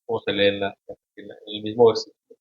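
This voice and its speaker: A man hosting a casual Bible study discussion, speaking haltingly with many restarts and frequent tag questions. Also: on the low side, completely flat delivery. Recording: roomy, dull lo-fi sound.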